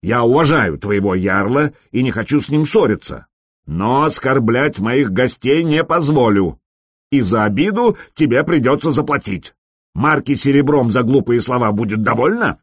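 A man's voice: mid-range voice, animated, moderate pace, breathy edge, no echo, studio quality. A man voicing a proud Viking king who barks formal rebukes. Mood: stern. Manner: barking, ceremonious.

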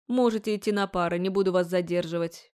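A woman's voice: fairly low pitch, steady tone, fast talker, a little mellow, lightly acted. A woman reading an audiobook, voicing a stern middle-aged male university rector who talks formally and grumbles at his son. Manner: formal, condescending, gruff toward his son. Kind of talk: audiobook character voice.

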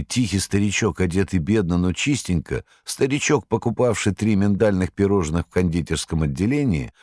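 A man reading a story aloud with lively, dramatic delivery. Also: low voice, no room sound, clean studio sound. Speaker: narrator. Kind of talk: scripted narration.

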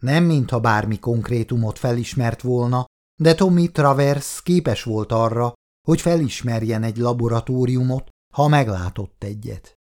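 A man reading an audiobook in a steady, dramatic storytelling manner. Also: mid-range voice, hardly any pauses. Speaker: audiobook narrator. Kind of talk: scripted audiobook narration.

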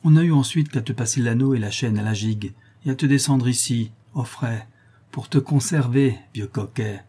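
A man's voice: mid-range voice, moderate pace, warm tone, husky, lightly acted. A man voicing a cruel, mocking old woman villain in an audiobook reading, taunting in thieves' slang. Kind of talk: audiobook character voice.

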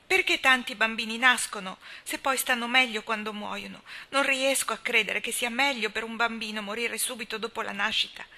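A woman voicing a young mother who grieves her newborn and protests loudly in anguish. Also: a little high, normal speed.

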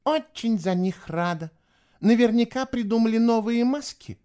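This is a scornful young girl from a spoken storybook, sharp and mocking in every line. A man acts her out, lifting the voice well above his own. The tone stays high and sneering throughout. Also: sing-song, normal speed. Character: bossy, scornful girl trick-or-treater.

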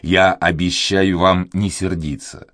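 A man voicing a courteous, impatient young gentleman in love, speaking in his own deep voice. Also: level tone, takes it slowly, no echo, studio quality. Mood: urgent courteous. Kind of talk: audiobook character reading.

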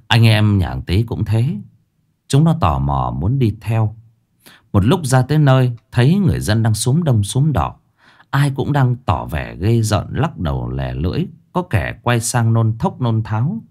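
A man tells a ghost story, his fairly low voice rising and falling with lively drama. The delivery is animated and storytelling in every phrase.

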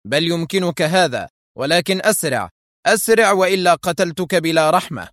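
A man's voice: medium pitch, animated, moderate pace, no echo, studio quality, natural voice. A man doing a stern, ruthless gang leader. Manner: stern, sharp commands.

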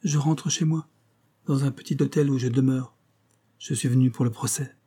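A man's voice: mid-range voice, fairly even intonation, normal speed, dark tone, breathy edge. A man reading an audiobook, voicing a meek, doting old female servant who pleads in a raised voice. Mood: firm.

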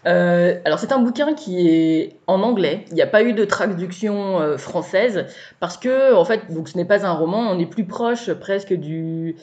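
A woman's voice: on the low side, unhurried. Woman, book podcast co-host, casual chat, laughs often, slightly muffled audio. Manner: animated, laughs often, reads passages aloud.

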